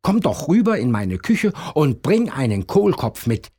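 A man voicing a boastful, quarrelsome male rabbit gardener in a storybook reading, in a raised, excited voice. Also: unhurried, slightly rough, full character voice. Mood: friendly. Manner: bragging, high and excited.

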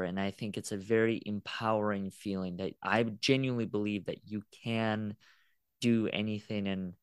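A man hosting a podcast interview, speaking in a measured, reflective way. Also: on the low side, clean tone, dry recording. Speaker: podcast host. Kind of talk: casual interview talk.

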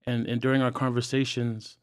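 Young man, podcast guest, earnest and halting, dry close mic. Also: medium pitch, level tone, clean tone, no room sound. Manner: earnest, halting with frequent fillers and restarts. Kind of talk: candid personal sharing.

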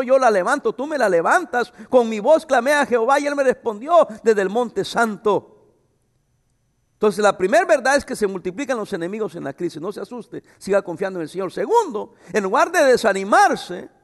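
High-voiced preaching pastor, man, in a hall. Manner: expressive preaching with asides. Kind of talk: sermon. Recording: reverberant hall.

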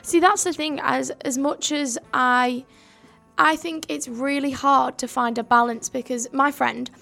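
A woman's voice: sits high, fairly even intonation, unhurried, vocal fry, sharp tone, soft background music. A young woman co-hosting a homemade radio show, speaking earnestly in long run-on sentences. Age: young adult. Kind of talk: casual discussion.

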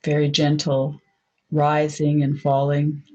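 A woman guides a meditation softly and unhurriedly, in a gently inviting manner. Her voice sits low and stays monotone, and the lo-fi recording sounds dull.

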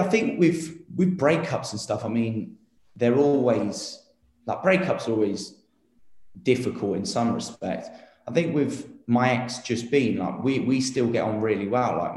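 A man's voice: mid-range voice, darkish tone, roomy sound. A man in his late twenties, an interview guest talking casually and earnestly with many fillers and restarts. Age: 20s.

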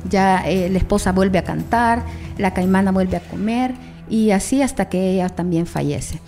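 Mellow Salvadoran Spanish woman, halting delivery. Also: medium pitch, soft background music. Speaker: library guest recommending a book. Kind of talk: informal spoken book summary.

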